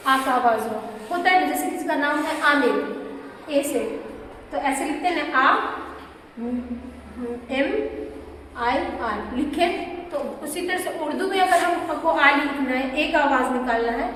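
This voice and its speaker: A woman's voice: high-pitched, fairly bright tone, slight background noise. A woman teaching an Urdu class in a school classroom, mixing Hindi and English and often checking that students understood. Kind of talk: classroom lesson. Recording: distant voice in echoey hall.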